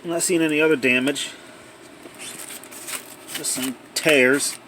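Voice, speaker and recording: Filming on a handheld cell phone indoors at home, a man narrates his amateur unboxing video in a casual, off-the-cuff way. His voice is on the high side, steady, sharp, and a little slow, and the poor audio carries a little hiss or hum.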